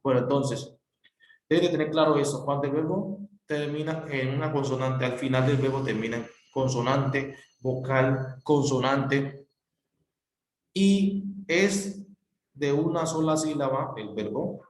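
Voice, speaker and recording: Male teacher, mid-pitched, patient and repetitive, recorded in a roomy space. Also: unhurried. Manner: patient, repetitive, spells out letters. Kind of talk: recorded classroom explanation. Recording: echoey room.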